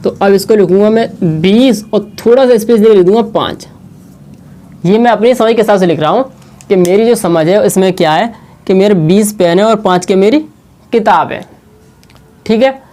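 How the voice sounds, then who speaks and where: A man teaching a maths lesson at a board, slowly explaining and repeating, asking questions and answering them himself. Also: high voice, dark tone. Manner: slow, repetitive explaining.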